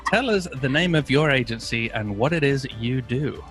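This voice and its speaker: A man's voice: medium pitch, animated, moderate pace, over music. A man hosting a casual interview, jokey and friendly, with fillers. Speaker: podcast host.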